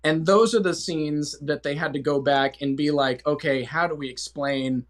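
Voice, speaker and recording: Rambling slightly high-voiced man. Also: moderate pace. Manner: thoughtful, rambling, many restarts. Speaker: show panelist. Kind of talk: casual chat among friends.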